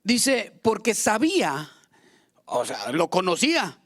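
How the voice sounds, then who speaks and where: High-voiced fervent male preacher. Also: huge pitch swings, takes it slowly, a bit bright. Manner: fervent preaching, acting out quoted prayers. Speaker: pastor. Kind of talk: sermon.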